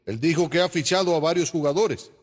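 A man's voice: a little high, a little fast, big-room sound, natural voice. A man playing an exasperated judge who questions and corrects others in a radio comedy sketch.

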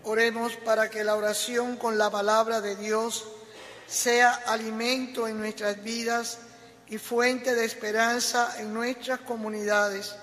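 Un hombre que lee las peticiones de la misa de forma lenta y pareja, con eco de catedral. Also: male voice, high voice. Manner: slow, even reading. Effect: cathedral echo. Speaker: lector. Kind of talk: reading prayers of the faithful. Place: large church. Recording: long church reverb.

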